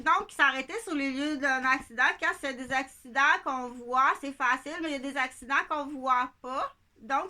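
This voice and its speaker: A woman's voice: sits high, pushed and bright. A woman with a Quebec French accent, talking in a rambling monologue that drifts between points, repeats phrases and keeps checking in with her listeners. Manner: digressive, repeats herself, asks "ok?" often.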